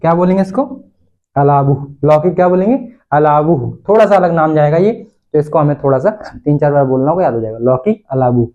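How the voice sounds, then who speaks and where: A man's voice: fairly high pitch, fairly quick, phone-quality sound. A male teacher giving an online lesson in a playful way, repeating each question and answer and laughing often.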